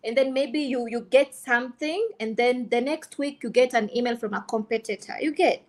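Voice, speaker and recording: A woman's voice: on the high side, normal speed. A Kenyan woman speaking candidly on a panel, emphatic and repeating phrases for stress, slipping between English and Swahili. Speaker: content creator on a panel.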